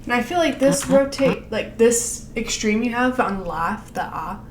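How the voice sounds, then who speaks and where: A woman's voice: fairly high pitch, expressive, a little slow, reverberant, slight background noise. A woman giving casual animation feedback, rambling with lots of fillers and frequent laughs. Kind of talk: casual critique over a screen share.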